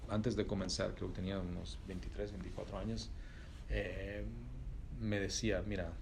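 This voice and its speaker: A middle-aged man, speaking Spanish as an in an interview as a company executive, thoughtful and pausing often with fillers. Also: sits low, little pitch movement, creaky, a little hiss or hum. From Italy. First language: Italian. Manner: thoughtful, pauses with many fillers and restarts. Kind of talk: reflective interview answers.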